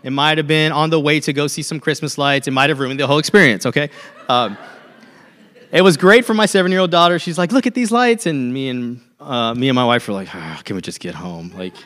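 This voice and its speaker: A man's voice: a little high, a bit bright. A man in his thirties preaching a sermon as a pastor, telling a personal story in a conversational way and checking in with "okay?" often.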